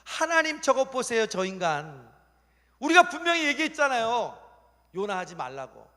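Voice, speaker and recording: A man voicing a group of fretful angels who complain to God in a shrill, indignant way, in a reverberant church hall. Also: normal speed, creaky, fairly bright tone.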